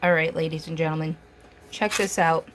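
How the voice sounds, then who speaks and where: A food vlogger, a young woman, hosts a casual home cooking demo and taste-tests her baking, talking while chewing. She is chatty and enthusiastic, with a low-sitting, fairly bright voice, fairly even intonation, and normal speed over a little hiss or hum.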